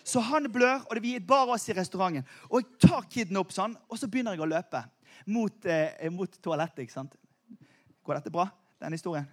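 A middle-aged man preaching a sermon, telling a family story with humor and surging intensity before turning to earnest appeals. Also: high voice. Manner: animated storytelling with humor, voice surging when excited. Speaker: pastor.

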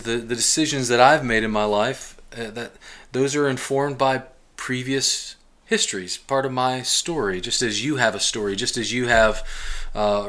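Bright-voiced rambling male podcast host. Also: medium pitch. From Ohio and Kentucky, US. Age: 40s. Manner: rambling, many restarts and fillers, chuckles often. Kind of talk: casual personal monologue.

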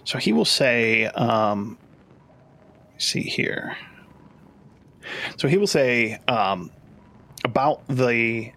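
A man with a gravelly, creaky voice runs a tabletop game as its game master. He narrates with a lot of hesitation, trailing off and restarting his sentences, and his pitch sits in an ordinary middle range. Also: lively intonation, very slow, long pauses, bright, forceful tone. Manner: hesitant, many fillers and restarts.

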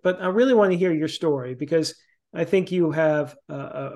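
A man hosts an interview with a slightly high-pitched voice. He asks friendly questions and often stumbles on the first words of a phrase before carrying on. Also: darkish tone. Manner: friendly, with repeated word starts. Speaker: interview host. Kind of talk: hosted interview chat.

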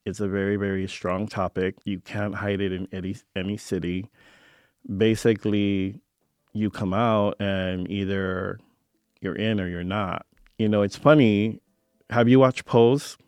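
A man's voice: lowish voice, measured pace, clear, resonant tone, no echo, studio quality. A middle-aged man from Hawaii, interviewed for a radio feature, telling family stories and acting out the voices of relatives. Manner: animated anecdote teller, acting out family voices.

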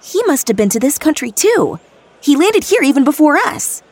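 Casting: man voicing a quick, high-pitched alien scientist lady, lively and earnest, storybook reading. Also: heavily acted. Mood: excited.

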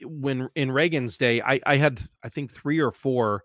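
A man's voice: medium pitch, measured pace, fairly bright tone, no room sound, clean studio sound. A nasal-voiced man in his forties with a Midwestern accent, a gym coach telling stories on a casual podcast with emphatic energy. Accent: Midwestern American.

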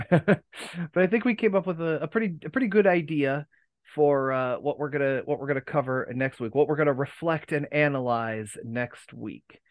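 A man's voice: a little high, normal speed, no echo, highs cut off. A man hosting a casual podcast chat, rambling with many restarts and laughing easily. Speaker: podcast host.

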